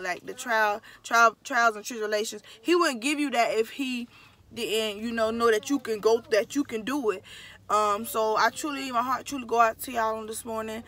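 A woman vlogger talking heartfelt to the camera, effusive and excitable, repeating herself and speeding up in bursts. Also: fairly high pitch. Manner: quick bursts of speech.

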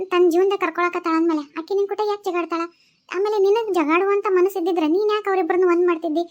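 A woman's voice: very high-pitched, a little mellow, lo-fi sound. A woman voicing a kind, persuasive village woman who mediates in a family quarrel in a cartoon, with a North Karnataka accent. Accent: North Karnataka Kannada. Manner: coaxing and earnest.

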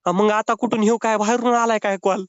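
A man's voice: high voice, steady tone, fast talker, smooth, no room sound. A man making a comic prank phone call, pleading and whining in a mock-sobbing way. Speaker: prank caller.

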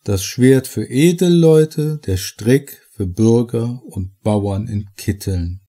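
A man recites verse at an unhurried, deliberate pace. His voice is dark and mellow, and he lets his delivery swell dramatically on key lines. It is a scripted poetry reading. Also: mid-range voice. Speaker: narrator reading a poem.

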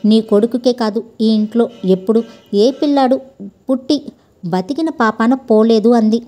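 A woman voicing a sharp-tongued old woman who nags and scorns in a storybook reading. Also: a little high, a little slow, natural voice. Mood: scolding. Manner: nagging, harsh, scornful.

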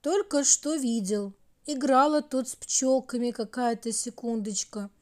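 A woman's voice: sits high, sing-song, slow, darkish tone, voice pushed up, exaggerated voice. A woman voicing the month of May, a cheerful, smiling young man in a storybook tale. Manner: smiling, breezy.

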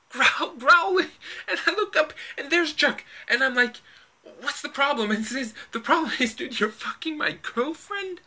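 A man's voice: very high-pitched, bright, forceful tone, heavily acted. A young man from Norway with a Norwegian accent performs a stage monologue as a panicky young man, stammering and repeating words as he confesses in a rush. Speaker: acting student. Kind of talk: theatre monologue audition.

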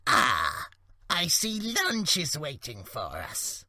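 A woman's voice: huge pitch swings, takes it slowly, bright, forceful tone, dry recording, clean studio sound, heavily acted. A woman voicing the crude, hungry left head of a two-headed male giant, leering and grumbling, in a storybook reading. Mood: greedy. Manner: leering, grumbling, wildly swooping pitch.

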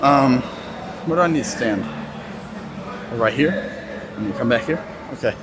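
A medium-pitched, unhurried voice belongs to a twenty-something fitness vlogger who casually rambles and laughs through a walk-and-talk in a large gym. His phone camera sits on a tripod nearby, catching background noise and the gym's loud music.

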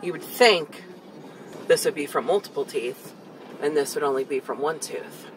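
A woman in her thirties with a sore, swollen, partly numb jaw, giving a casual, halting vlog update from inside a car. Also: sits low, soft background music. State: swollen, numb, sore jaw after wisdom tooth removal. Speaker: vlogger. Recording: distant mic, faint vehicle noise. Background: faint car and outdoor noise.

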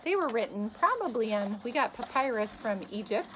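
A woman in her thirties leading a kids' Bible lesson to the camera, gasping and exclaiming with exaggerated excitement for children, recorded at arm's length in a small wood-paneled room. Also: a little high, normal speed, slight background noise. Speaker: children's church teacher.

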